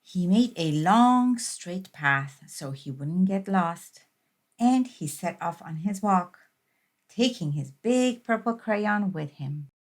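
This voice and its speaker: Unhurried woman reading a children's storybook. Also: lowish voice, expressive. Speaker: storybook reader. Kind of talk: children's picture book read-aloud, scripted narration.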